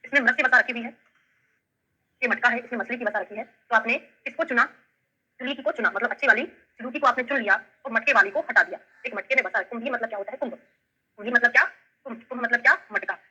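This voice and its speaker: A woman with a Bundelkhandi Hindi accent delivers an online Ayurveda lesson with memory tricks, explaining step by step and checking in with her students. She speaks fast in a fairly high, pushed, bright and husky voice, recorded roughly.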